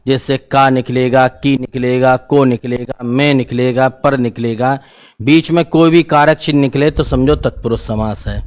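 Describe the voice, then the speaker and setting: A male teacher, giving an exam-prep grammar lesson in a casual, repetitive questioning style. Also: mid-range voice. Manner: explains in a casual, colloquial style, asks questions and repeats the answers.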